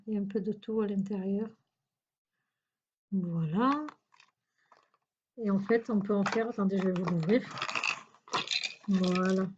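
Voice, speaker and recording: A woman's voice: on the high side, a little mellow, highs cut off, slight background noise. A woman chatting through a shopping haul video, hesitant and searching for words with many fillers. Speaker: YouTuber showing a shopping haul. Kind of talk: casual haul video chat.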